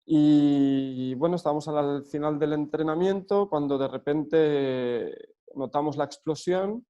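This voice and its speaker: Coach guy talking earnest n hesitant, mellow warm tone, lots of eh's. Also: on the high side, measured pace, clear, resonant tone, muffled recording. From Spain. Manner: earnest, hesitant with frequent fillers and restarts. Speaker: football coach. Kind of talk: remote interview answers.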